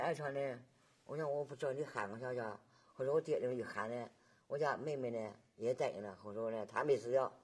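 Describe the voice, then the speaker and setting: A woman, recounting her memories in halting, repetitive testimony and often asking her listener whether they follow. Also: sits low, darkish tone, breathy edge. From Nanjing, China. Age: 80s. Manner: halting, repetitive storytelling with frequent tag questions. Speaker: survivor giving testimony. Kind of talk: oral history testimony.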